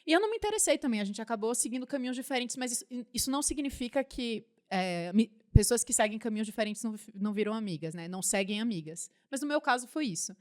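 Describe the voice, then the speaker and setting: Reflective young woman, high voice. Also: expressive, quick pace, few pauses. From Northeast Brazil. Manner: reflective, hesitant, with many restarts. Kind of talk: casual podcast chat.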